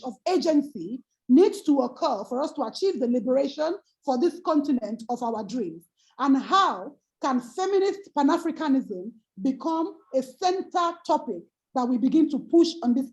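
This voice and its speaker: A woman's voice: sits high, darkish tone, rough recording. A woman speaking on a panel, making a rousing case with many rhetorical questions, heard over a video call. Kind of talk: impassioned speech.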